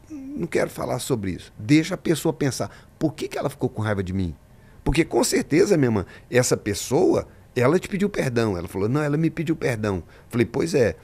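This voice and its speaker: A man's voice: mid-range voice, a little mellow, husky. A man, a pastor, talking in a podcast interview, preaching-style and emphatic, acting out the voices in his stories.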